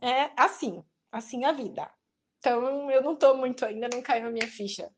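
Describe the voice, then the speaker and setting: A young adult woman with a Brazilian accent, hosting a podcast in a chatty, lively way and acting out the people she quotes. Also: a little high, a little fast, a little hiss or hum. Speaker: podcast host. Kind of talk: casual chat.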